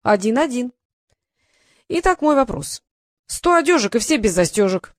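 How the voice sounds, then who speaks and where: A woman's voice: a little high, very animated, normal speed, dry recording, clean studio sound, pitched above the performer's own voice. A woman voicing a boastful, pedantic male dragon who loves riddles, speaking in a raised, emphatic, pompous way.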